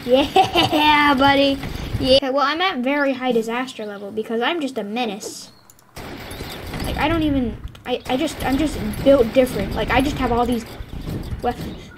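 A woman giving playful, excitable commentary while playing a game, squealing and yelping whenever things go wrong. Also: high-pitched, normal speed, background noise. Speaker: gameplay streamer.

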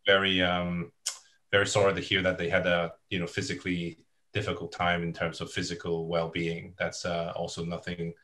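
A young man who grew up in the United Kingdom, hosting a podcast over a video call from a home office, encouraging his guest and pausing often with "um". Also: deep voice, monotone. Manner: warm, encouraging, halting with "um". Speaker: podcast host. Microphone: video call webcam.

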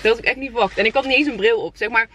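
A woman's voice: fairly high pitch, very fast, fairly bright tone. A young woman chats casually and informally to her viewers as a vlogger. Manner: chatty, informal, addressing viewers. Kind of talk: casual vlog chat.

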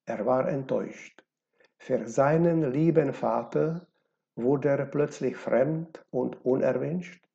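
A man reading a novel aloud as scripted narration, measured and unhurried. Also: medium pitch, gravelly, mellow. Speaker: audiobook reader. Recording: dull lo-fi recording.

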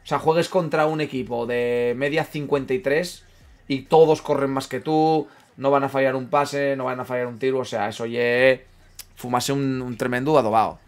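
A young man giving casual commentary while playing a football management game, chatting with viewers, swearing and yelling at big moments, then muttering low. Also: steady tone, moderate pace. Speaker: gaming streamer. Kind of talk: casual live gameplay commentary.

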